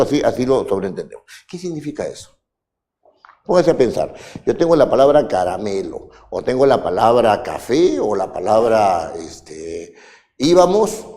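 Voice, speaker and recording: A man lecturing a classroom with a lively, rising and falling delivery. His tone is dark and mellow, and a long reverb from the room trails after his words. He keeps stopping to ask his students if they follow. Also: mid-range voice. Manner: questioning, checks understanding with "¿no es cierto?". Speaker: law school instructor.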